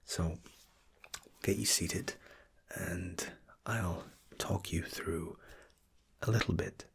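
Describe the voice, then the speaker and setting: Deep-voiced man whispering softly. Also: gravelly. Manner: soft, unhurried whisper, courteous and soothing. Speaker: ASMR role-player as hotel and spa staff. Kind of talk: ASMR role-play.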